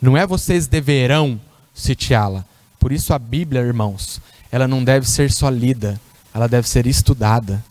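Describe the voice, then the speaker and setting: A man's voice: mid-range voice, a little fast, mellow, no room sound. A man giving a sermon in a church, teaching and often checking that the congregation follows. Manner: teacherly, asks the congregation questions. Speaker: preacher.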